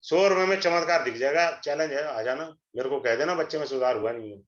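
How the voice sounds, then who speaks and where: A middle-aged man giving an astrology webinar, a persuasive, salesy pitch that mixes Hindi and English. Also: quick pace. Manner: switches between Hindi and English. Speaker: astrology teacher. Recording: echoey room, dull lo-fi sound.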